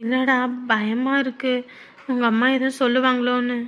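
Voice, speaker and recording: An actress playing a timid, hesitant young wife in a home drama. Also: female voice, fairly high pitch, flat delivery, moderate pace, fairly bright tone, dull audio, close to an everyday voice. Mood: anxious. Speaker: wife afraid of her mother-in-law.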